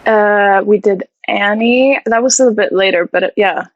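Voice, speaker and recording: A young woman chats as a guest, with a voice that is neither high nor low for a woman. She sounds friendly but a little self-conscious and now and then gropes for the right English word. Her voice comes through dry, with no room echo. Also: moderate pace, dull audio. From Iceland. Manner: friendly, a bit self-conscious, searches for words. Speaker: guest actress. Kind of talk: casual interview chat.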